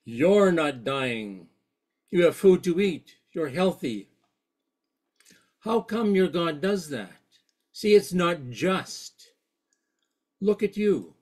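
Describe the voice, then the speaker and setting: A man's voice: a little high, lively intonation, a little slow, darkish tone. Man reading as a pushy TV interviewer. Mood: challenging. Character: agitated female TV interviewer pressing hard.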